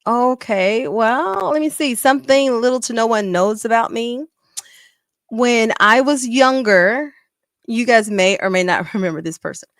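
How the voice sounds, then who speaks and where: Female co-host, encouraging, fairly high voice, dry close sound. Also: a bit bright, no room sound. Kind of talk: casual chat.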